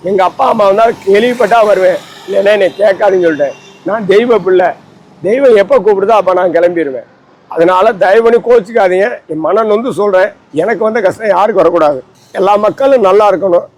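High-voiced holy man preaching. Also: darkish tone, a little hiss or hum, poor audio. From Tamil Nadu. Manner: preachy, rambling, aggrieved. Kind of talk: impassioned interview monologue. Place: outdoors under a tree.

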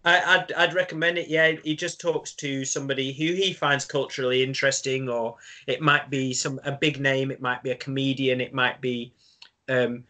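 A male secondary school teacher talks as a guest in a relaxed chat. His voice is bright and sits at a middling pitch. He thinks aloud and repeats words, and he pokes gentle fun at himself. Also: moderate pace. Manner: thoughtful, self-deprecating, repeats words as he thinks. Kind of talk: casual conversation.

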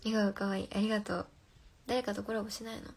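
Playful young woman with vocal fry. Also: mid-range voice, level tone, fast, darkish tone. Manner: reads viewer comments aloud and replies playfully, often drops to a whisper. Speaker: livestream host. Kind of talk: casual livestream chat. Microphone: phone.

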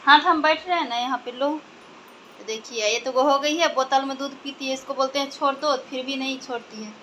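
This woman's high voice comes out fairly quick, pushed and bright, over a little hiss or hum. She's casually vlogging at home, indoors in the kitchen and bedrooms, with the phone at arm's length, and she talks to her children between remarks.

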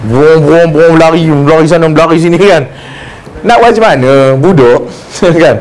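A man giving a lively, joking religious lecture and acting out the voices he quotes. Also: fairly high pitch, a little slow. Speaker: religious teacher. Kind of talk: humorous mosque lecture.

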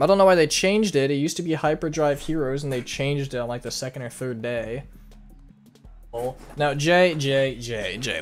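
A young man streaming a game, chatting playfully with his viewers, humming little tunes and reading chat aloud. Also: a little high. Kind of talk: live gameplay commentary. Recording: faint music behind.

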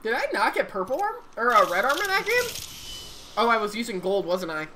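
A woman streamer giving casual live commentary while gaming, chatty, excitable and swearing freely. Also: fairly high pitch, fairly quick, slight background noise. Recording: game sounds clearly behind voice.

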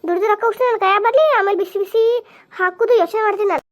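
A woman voicing a middle-aged village wife, who nags and complains about her drunkard husband in a cartoon comedy. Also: extremely high pitch. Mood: scolding. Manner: nagging, complaining, quick scolding.

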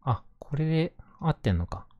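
A man with a Kansai accent talking gently and casually in a reassuring, intimate ASMR bedtime style, close to the microphone. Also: on the high side, sing-song, moderate pace, dry recording, muffled recording. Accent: Kansai Japanese. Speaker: host reading bedtime picture books to listener.

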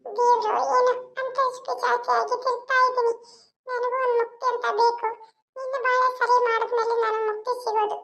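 Cartoon ghost seeking peace, very high and monotone, eerie. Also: normal speed, gravelly, exaggerated voice. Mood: soothing. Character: restless ghost seeking peace, gentle and helpful. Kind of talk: cartoon voice acting.

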